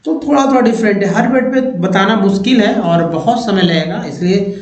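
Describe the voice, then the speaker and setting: A man teaching English reading in Hindi, spelling words letter by letter and sounding them out slowly, step by step. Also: sits high, darkish tone, echoey room, low-quality recording.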